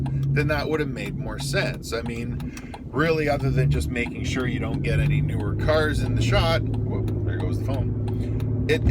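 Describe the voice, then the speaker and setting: An older man giving a casual, opinionated rant in a grumpy, blunt, exasperated way. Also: medium pitch. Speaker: vlogger. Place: inside a car. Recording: noisy car interior with vehicle noise.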